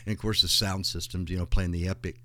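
A man's voice: low-pitched, little pitch movement, fast, bright, forceful tone. A man, chatting casually as a guest and rambling through memories with many fillers. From West Texas. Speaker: guest, host's father. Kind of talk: casual chat.

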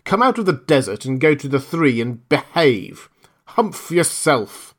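A man voicing a magical desert djinn in a storybook reading, speaking slowly and emphatically with stern authority. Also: on the high side, very animated.

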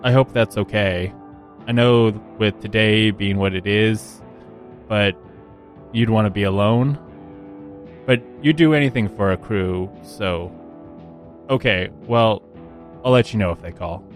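A man's voice: fairly low pitch, a little slow, pauses often, soft background music, natural voice. A man voicing a loyal male gang member giving his boss a hesitant report.

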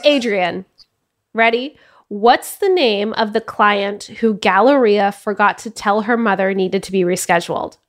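A woman's voice: mid-range voice, unhurried. Teasing woman quizzing her guests. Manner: teasing, blunt, swears casually. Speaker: podcast co-host running a trivia game. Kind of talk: casual chat.

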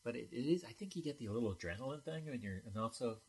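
A husky-voiced man, a stand-up comic, chats casually with a very animated pitch. He is wry and slips into imagined bits of dialogue. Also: fast talker. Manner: wry, acts out imagined exchanges. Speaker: stand-up comedian. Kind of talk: casual chat.

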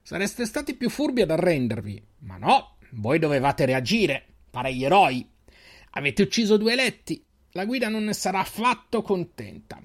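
A man's voice: sits high, big pitch swings, moderate pace, pitched above the performer's own voice, exaggerated voice. A man doing a slimy, taunting bandit boss. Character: sneering cruel male bandit leader, menacing.

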